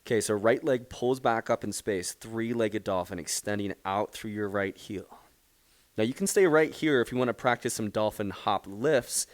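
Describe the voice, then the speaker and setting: A man teaching a power yoga class, giving calm, encouraging step-by-step cues and gentle praise. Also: on the low side, moderate pace, dry recording. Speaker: yoga instructor. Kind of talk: guided yoga class instruction.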